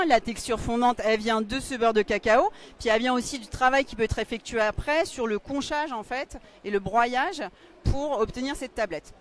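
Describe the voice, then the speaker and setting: A woman in her forties speaks at a crowded trade stand, explaining things in a lively way and asking questions back. She holds a handheld mic in a big indoor exhibition hall. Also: on the high side. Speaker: staff member at the stand. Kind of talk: live event interview.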